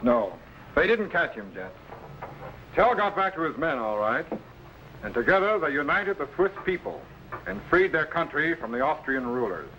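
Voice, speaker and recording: Bright, animated Captain Z-Ro, time-traveling hero. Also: male voice, a little high, moderate pace. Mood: instructive. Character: authoritative, heroic time-traveling captain and mentor. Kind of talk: old-time children's sci-fi serial acting. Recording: slightly noisy vintage serial recording.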